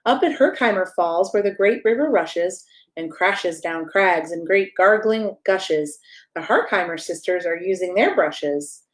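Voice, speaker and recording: At a measured pace and fairly low pitch, a woman who is a pastor reads a rhyming bedtime picture book aloud to kids. Her reading is expressive and playful, and she turns to the young listeners with direct questions.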